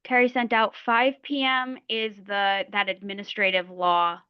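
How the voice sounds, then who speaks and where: A woman's voice: medium pitch, level tone, a little slow, clean tone. A woman working as a planner, talking informally in an online meeting over a video call. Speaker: senior environmental planner. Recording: dull lo-fi call audio.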